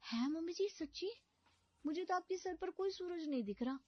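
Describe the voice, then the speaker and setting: A woman's voice: very high voice, expressive, moderate pace, no room sound, pitched above the performer's own voice. Woman doing a naive young bride. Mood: innocent. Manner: sweet, innocent and chatty. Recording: slightly dull audio with background music.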